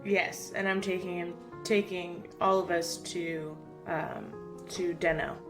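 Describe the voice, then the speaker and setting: Chatty woman player, slightly low voice. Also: steady tone, music in the background. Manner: earnest, chatty, quick asides. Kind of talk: casual tabletop role-play.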